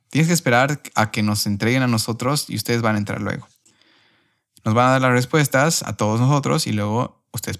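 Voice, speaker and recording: A young man on a podcast, telling a personal story in an emotional, animated way. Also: mid-range voice, vocal fry. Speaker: podcast host.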